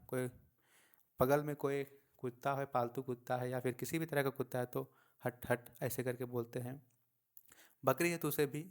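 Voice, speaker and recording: A male teacher patiently explaining a textbook story to young schoolchildren. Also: medium pitch. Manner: patient, explanatory, addresses the children.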